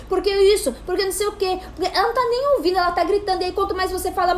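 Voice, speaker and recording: A woman in her thirties, a psychopedagogue, giving casual parenting advice to camera in an animated way. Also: very high voice, a little hiss or hum. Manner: animated, acts out parent and child voices. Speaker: psychopedagogue and parenting channel host.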